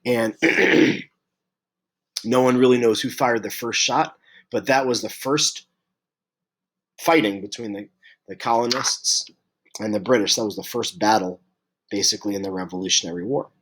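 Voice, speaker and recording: A man teaching a history lesson, unwell and clearing his throat, halting with many fillers and restarts. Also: lowish voice, fairly bright tone.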